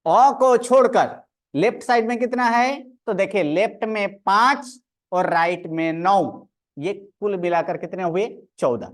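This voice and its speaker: A woman's voice: medium pitch, unhurried. A woman teaching a grammar lecture, methodically counting aloud and drilling each sound one by one. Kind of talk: online lecture.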